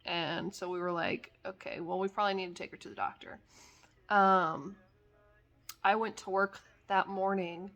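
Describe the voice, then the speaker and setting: A woman's voice: medium pitch, steady tone, normal speed, fairly bright tone, highs cut off. A tired young woman, yawning now and then, chattily telling her story of her baby as a mother's testimony, quoting herself and others. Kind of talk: casual spoken testimony.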